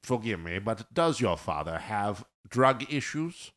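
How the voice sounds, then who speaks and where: A man playing a pompous male magic teacher who speaks slowly and formally. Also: lowish voice, big pitch swings, a bit bright.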